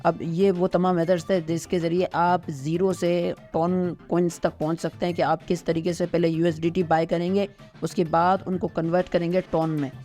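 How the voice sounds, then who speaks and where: A man's voice: fairly high pitch, little pitch movement, moderate pace, darkish tone, faint music behind. A man with a Pakistani Urdu accent, walking viewers through a screen tutorial step by step and checking in often. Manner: step-by-step instructing, frequent "theek hai" check-ins. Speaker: host of a crypto tutorial. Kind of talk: screen-recorded tutorial walkthrough.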